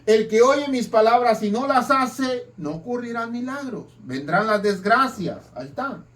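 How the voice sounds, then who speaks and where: A man preaching a sermon in an emphatic style, with dramatic swings between loud and soft. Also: very high voice, expressive, moderate pace. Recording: distant mic.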